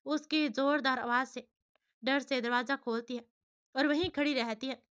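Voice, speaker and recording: A woman storyteller narrates a family tale with a high, bright voice. Her reading is plain and steady, in the manner of a storybook. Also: unhurried, clear, resonant tone.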